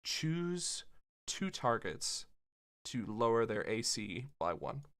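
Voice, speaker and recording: A man narrating as game master of a tabletop game, describing the action with many pauses and fillers. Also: mid-range voice, big pitch swings, fairly bright tone.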